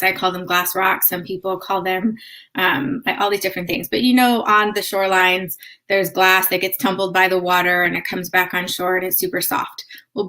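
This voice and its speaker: A woman's voice: medium pitch, sharp tone. A middle-aged woman hosting a spiritual live stream, telling a personal story in an earnest, emotional way.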